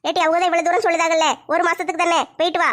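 A woman's voice: extremely high pitch, level tone, racing, a bit bright. A woman playing a doting, tearful mother-in-law in a comedy skit, fretting and pleading with a southern Tamil Nadu accent. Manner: fretful, pleading.

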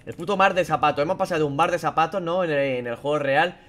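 A man's voice: a little high, quick pace, a bit bright. A young man from Spain with a Spain Spanish accent, commentating a horror game as he plays it. He swears and yelps at the scares, then drops to mutters between them. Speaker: gaming YouTuber.

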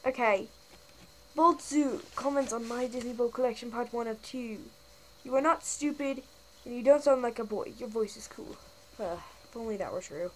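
High-voiced young woman reading comments. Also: moderate pace, slight background noise, low-quality recording. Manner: chatty, giggly, reads comments aloud and answers them. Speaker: channel host. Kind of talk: casual comment-reading vlog.

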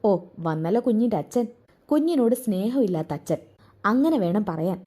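A woman's voice: medium pitch, sing-song, moderate pace, dark tone, close to an everyday voice. A woman voicing a pregnant young wife who answers her husband with hurt reproach. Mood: mocking. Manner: reproachful, pleading.

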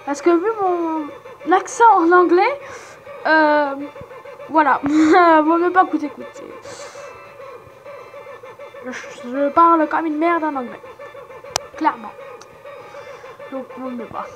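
A high-pitched young woman chatting through her game, laughing often and teasing herself. She talks loosely and casually, with soft game music playing behind her voice. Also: takes it slowly, pauses often, low-quality recording. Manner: giggly, self-mocking, chatty. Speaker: gaming channel host. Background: faint game music.

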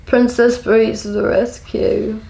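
A giggly, drunk woman in her twenties chats to camera as a makeup vlogger. Her voice sits fairly high and she rambles loosely with plenty of swearing. The room is noticeably echoey, with the camera a step or two away. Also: level tone, takes it slowly, gravelly, dark tone. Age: 20s. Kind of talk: casual chat to camera while doing makeup. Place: small home kitchen, indoors.

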